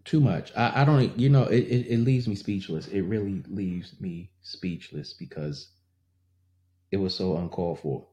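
Speaking low and unhurried in a dark tone, this vlogger addresses his viewers directly in an echoey room. His casual, earnest commentary to camera grows indignant as he reacts, and he repeats himself.

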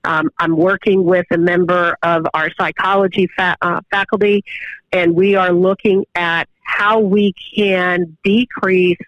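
A woman professor answering interview questions over the phone, explaining at length with pauses and fillers. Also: lowish voice, steady tone, no room sound. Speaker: guest professor of exercise science. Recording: dull, muffled phone line.

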